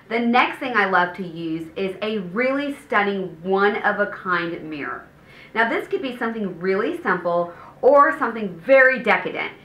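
A woman's voice: medium pitch, pushed and bright. A woman in her thirties hosting a home design video, giving a polished, upbeat scripted presentation to camera. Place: indoor studio set with paneled wall. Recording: roomy echo, faint background music.

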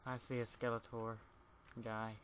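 A man's voice: mid-range voice, monotone, unhurried, a little hiss or hum. A man chatting casually and teasing his friends while playing a block-building game, swearing freely. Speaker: let's play gamer. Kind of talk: casual gaming chat.

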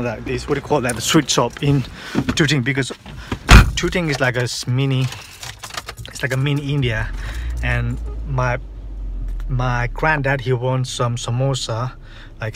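A man in his thirties talks to a phone held at arm's length, rambling through fillers and restarts. His voice stays flat and even in pitch. Street and car noise comes through clearly behind him. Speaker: vlogger. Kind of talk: casual vlog to camera. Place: outdoors on city streets, partly in a car.

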